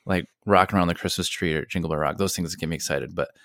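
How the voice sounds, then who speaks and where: Low-voiced joking man, dry sound. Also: fairly even intonation, fast talker, fairly bright tone, no echo. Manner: joking, self-deprecating. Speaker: podcast co-host. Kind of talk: casual chat.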